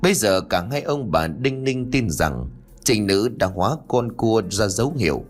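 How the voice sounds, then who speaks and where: A man narrating a ghost story audiobook in an expressive, dramatic way. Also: on the low side, normal speed, soft background music.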